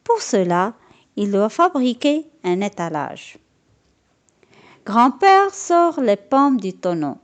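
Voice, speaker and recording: A woman narrating a children's storybook aloud in a slow, expressive, lilting way. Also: fairly high pitch.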